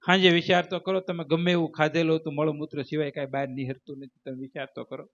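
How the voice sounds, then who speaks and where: Male spiritual teacher, high voice, emphatic rhythmic sermon, dull lo-fi sound. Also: flat delivery, fast, a bit bright. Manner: emphatic, repetitive, rhythmic preaching. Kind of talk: devotional sermon with storytelling. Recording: dull lo-fi recording.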